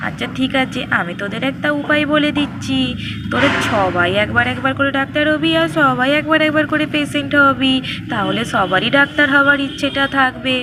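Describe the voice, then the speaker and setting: A brisk, practical mother who scolds her bickering daughters, voiced by a woman. The voice sits a little high and talks in a busy, no-nonsense way for a doll-play story. Steady background noise runs underneath. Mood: scolding.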